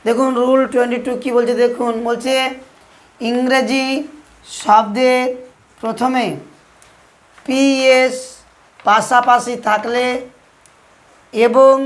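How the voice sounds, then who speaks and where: A man teaching English pronunciation in a video lesson, slowly spelling out letters one at a time. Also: extremely high pitch.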